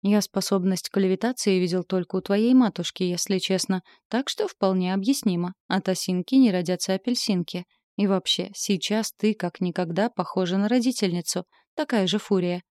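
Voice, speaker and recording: A woman's voice: mid-range voice, normal speed, few pauses, darkish tone, dry recording, studio quality, close to an everyday voice. A woman reading the part of a scornful male demon knight in a storybook, speaking in a sneering, taunting way.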